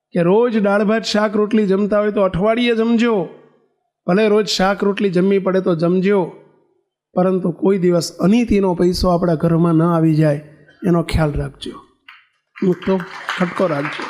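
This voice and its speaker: A man's voice: sits high, a little mellow. A man giving a sermon as a swami, pleading earnestly and repeating key words for emphasis. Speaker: swami preaching. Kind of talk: sermon with storytelling.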